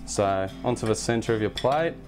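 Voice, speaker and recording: A young man hosting a casual cooking demonstration in a home kitchen, relaxed and chatty, with self-deprecating asides. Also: fairly low pitch, normal speed. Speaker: cooking show host. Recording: background music under the voice. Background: music and pan sizzling.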